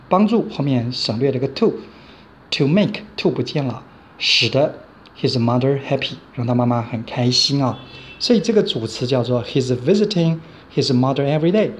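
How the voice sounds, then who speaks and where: A male teacher walks through grammar examples in a steady, mid-pitched voice. He repeats each example and spells out the letters. A faint hiss of noise sits under the recording. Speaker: English teacher. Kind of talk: grammar lecture.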